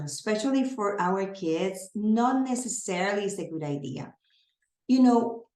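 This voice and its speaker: A native Spanish speaker with a Spanish accent gives an earnest training presentation on serving families, using everyday examples to explain. Her voice is medium in pitch with a darkish tone, and the recording has a roomy echo.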